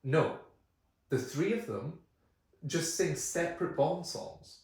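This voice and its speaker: A man co-hosting a podcast, telling stories in an animated, casual way with quick asides. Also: a little high. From United Kingdom. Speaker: podcast co-host. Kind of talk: casual film chat. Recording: echoey room.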